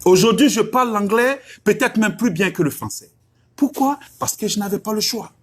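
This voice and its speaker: A middle-aged West African man preaches with emphasis, his voice high, animated and edged with breath at a moderate pace. He fires off rhetorical questions and repeats lines for effect as he exhorts his listeners on religious matters.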